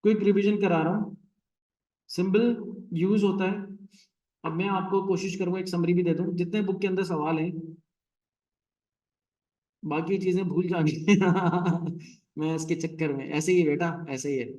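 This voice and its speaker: A man's voice: sits high, steady tone, moderate pace, long pauses, dark tone. A man teaching a class, counting out stressed and unstressed syllables aloud and mixing English terms into his explanations. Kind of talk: classroom lecture. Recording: echoey classroom, voice from a distance.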